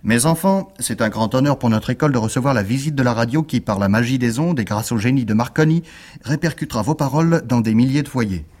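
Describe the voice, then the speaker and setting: A man's voice: mid-range voice, fast, darkish tone, lightly acted. A man voicing a pompous, stern school headmaster who makes solemn, threatening speeches to children in a read-aloud story.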